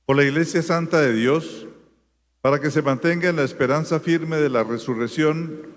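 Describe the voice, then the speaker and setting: A man reading the prayers of the faithful at a funeral mass in a measured liturgical cadence, his voice echoing in a large church. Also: a little high. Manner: measured, repeating the response. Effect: cathedral echo. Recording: long church reverb.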